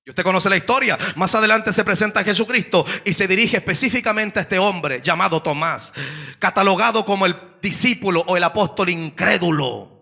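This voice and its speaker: A male pastor preaching an evangelical sermon, moving between hushed asides and shouted climaxes and calling for amens from the congregation. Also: sits high, brisk, vocal fry.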